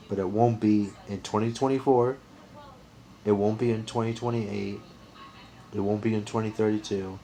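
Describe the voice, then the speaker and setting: A young man in his twenties with a somewhat low voice talks on in a loose, earnest monologue to camera. He rambles, trips over his own sentences and starts again. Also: darkish tone, low-quality recording. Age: 20s. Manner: rambling, earnest, restarts and counts aloud. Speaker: vlogger.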